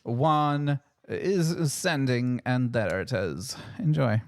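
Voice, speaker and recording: A man's voice: medium pitch, animated, slow pace, a little hiss or hum. Upbeat man hosting a game. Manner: upbeat, teasing, laughs often. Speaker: podcast co-host running the game. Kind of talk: casual chat, game hosting.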